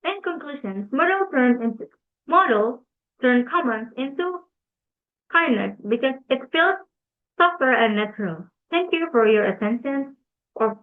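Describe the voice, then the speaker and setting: A young woman, reading a class presentation aloud in a careful, deliberate way and correcting herself as she goes. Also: high-pitched, animated. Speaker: student presenter. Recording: tinny phone-like recording.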